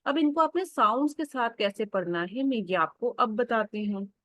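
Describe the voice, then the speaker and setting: A woman with a Pakistani Urdu accent teaching young children their letters, sounding each one out slowly and coaxing them to read along. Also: fairly high pitch, lively intonation, fairly bright tone, no room sound. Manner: slow, drawn-out sounding out of letters; coaxing, addresses children directly. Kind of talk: children's phonics lesson.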